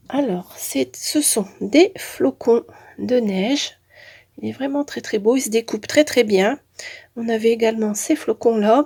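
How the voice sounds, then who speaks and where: A woman's voice: on the high side, gravelly, dark tone, slight background noise. A woman with a head cold and blocked nose, talking nasally as she casually presents handmade crafts as a channel host. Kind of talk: casual craft showcase narration.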